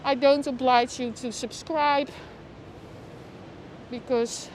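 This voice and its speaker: Walking city streets on a livestream, a Dutch-accented woman gives casual tour commentary, chatting with viewers by name and reacting aloud to her surroundings. She speaks slowly in a high, steady voice, recorded on a lapel mic with street noise in the background.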